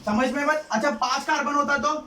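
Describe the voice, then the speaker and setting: A man's voice: extremely high pitch, quick pace. A male chemistry teacher lecturing a class, repeating points and quizzing students with questions. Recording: echoey classroom, distant mic, student chatter.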